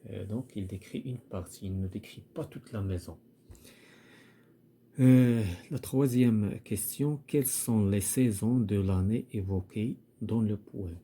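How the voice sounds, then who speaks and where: A man with a lowish, dark voice and a breathy edge walks through a recorded primary school French lesson. He speaks at a moderate pace with few pauses, yet sounds hesitant, using many fillers and repeating words.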